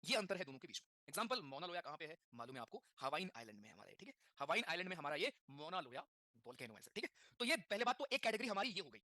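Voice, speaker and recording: Rapid, bright-voiced male teacher. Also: a little high, very animated, no room sound, studio quality. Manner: rapid Hindi-English mix, repeats key terms, asks the class questions. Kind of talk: classroom lecture.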